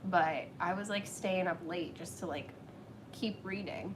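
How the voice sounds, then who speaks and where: A woman's voice: fairly low pitch, unhurried, background noise. A woman chatting casually on a livestream as co-host, in an easygoing, talkative way. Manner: chatty, laughs easily.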